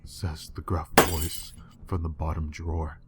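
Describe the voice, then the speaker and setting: Guy with a really low voice reading a creepy story, slow and brooding, soft music behind. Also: flat delivery. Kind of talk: scripted horror narration.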